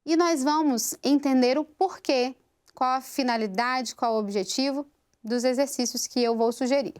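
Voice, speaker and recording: A woman's voice: sits high, moderate pace, darkish tone, smooth. A woman teaching a vocal technique lesson, explaining step by step and asking rhetorical questions. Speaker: singing teacher.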